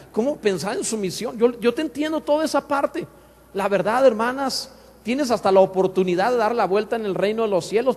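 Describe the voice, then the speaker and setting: A man's voice: high voice, in a large hall. A man preaching a sermon in a joking, conversational way, full of rhetorical questions. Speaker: pastor. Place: church sanctuary.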